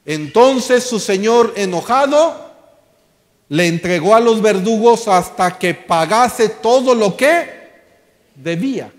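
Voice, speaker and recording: High-voiced slow preacher. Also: male voice, lively intonation. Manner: slow, emphatic preaching with rhetorical questions to the congregation. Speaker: pastor. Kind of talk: sermon. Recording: long church hall reverb.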